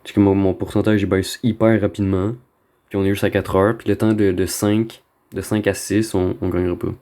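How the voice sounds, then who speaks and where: A man's voice: sits low, little pitch movement, brisk, warm tone. A man with a Québécois French accent giving casual, rambling gaming commentary, slangy and dropping in bits of English slang. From Quebec, Canada. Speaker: gamer recording a video.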